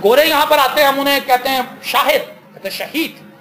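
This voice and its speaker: A man's voice: very high voice, steady tone, very noisy. A man with a Pakistani accent preaching as pastor, building to emphatic, rising bursts and slipping into Punjabi for quoted talk. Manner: slips into Punjabi for quoted dialogue. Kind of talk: sermon.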